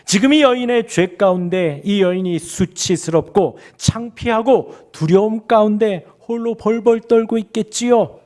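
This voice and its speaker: A man's voice: high-pitched, unhurried, hardly any pauses. A male pastor preaching an expository sermon in a church, asking his congregation questions and leading them in reading aloud. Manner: animated, asks the congregation rhetorical questions. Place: church sanctuary.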